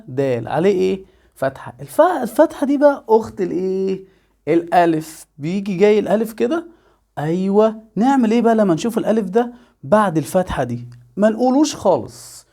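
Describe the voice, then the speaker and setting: A young man with an Egyptian accent teaching a children's Arabic phonics lesson, chanting drawn-out letter sounds and asking the kids to answer along. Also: on the high side. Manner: lively, drawn-out sing-song letter chanting; coaxing, asks the children questions. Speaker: kindergarten teacher.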